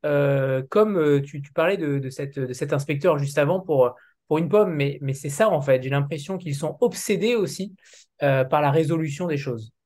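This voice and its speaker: A male interviewer asks a guest a long question, often pausing to look for his words. His voice sits a little higher than most men's. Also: darkish tone. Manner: hesitant, searching for words. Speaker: host, interviewer.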